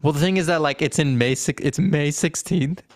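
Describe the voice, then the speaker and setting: A man's voice: on the high side, normal speed. A young man of about twenty hosting a podcast in casual chat, laughing and often restarting his sentences. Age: around 20. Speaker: podcast host.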